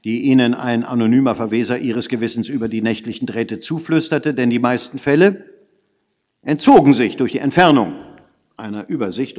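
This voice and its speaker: Man reading a hushed literary tale. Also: mid-range voice. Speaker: audiobook reader. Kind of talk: literary narration. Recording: long reverb.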